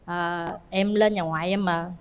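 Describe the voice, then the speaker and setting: A woman's voice: on the low side, fairly even intonation, unhurried, crowd noise. A young woman from Trà Vinh, a dating show contestant, speaking hesitantly with many fillers and nerves. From Trà Vinh, Vietnam.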